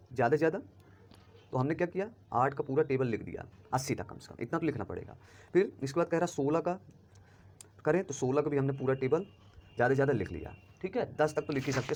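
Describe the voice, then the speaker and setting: A man's voice: on the high side, a little mellow. A man teaching a primary school math lesson, explaining steps and often checking if students follow. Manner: quick, explanatory, checks understanding with "clear?".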